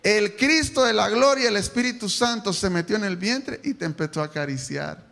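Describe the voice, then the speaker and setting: Man, pastor preaching, lively and questioning, high pitched, reverberant church hall. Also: normal speed, gravelly. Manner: animated, asks the congregation questions, bursts into shouts. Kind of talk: preaching a sermon to a congregation. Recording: echoey church hall, live stream.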